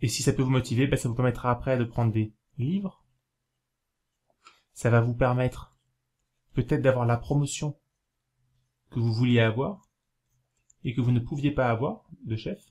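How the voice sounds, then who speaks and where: A man's voice: mid-range voice, darkish tone. Rambling French man, chatty and hesitant. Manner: rambling, hesitant, many fillers and self-corrections; explains slowly, spelling things out while writing. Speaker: video host giving learning tips. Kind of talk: casual talk to camera.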